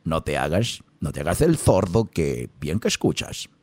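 A man voicing a stern old priest in a confessional with a low gruff voice, in a radio comedy sketch. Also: very animated, moderate pace, darkish tone, no echo. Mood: scolding.

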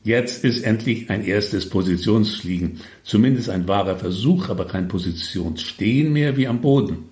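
Low-voiced man reading a wry story. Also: darkish tone, echoey room. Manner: wry, tongue-in-cheek asides. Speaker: author reading his own story. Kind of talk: humorous storytelling.

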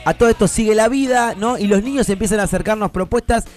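A man's voice: high voice, fast talker. A man hosting a casual radio chat about children's music, speaking Rioplatense Spanish, enthusiastic and full of fillers and restarts. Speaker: radio host.

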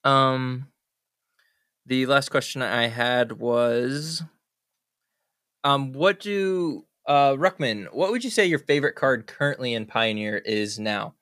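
A man's voice: mid-range voice, takes it slowly, clear, resonant tone, no echo. Dry-sounding man hosting a podcast. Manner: relaxed, laughs lightly, short agreeing replies. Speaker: podcast host. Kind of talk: casual chat.

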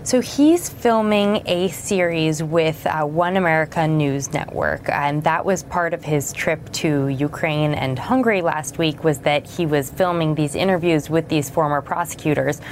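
Low-voiced woman reporter on a remote feed. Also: a little hiss or hum. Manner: measured, explanatory, with occasional fillers. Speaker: newspaper reporter as guest. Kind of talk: news interview answers.

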